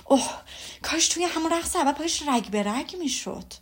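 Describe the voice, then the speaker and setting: A woman's voice: sits high, lively intonation, voice pushed up. A woman reading aloud voices an exasperated, sardonic older husband. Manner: exasperated outburst.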